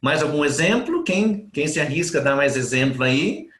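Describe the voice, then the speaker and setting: A man's voice: fairly high pitch, lively intonation, normal speed, fairly bright tone, reverberant. A man teaching German grammar in a live online class, who reads out students' questions and explains each point patiently, step by step.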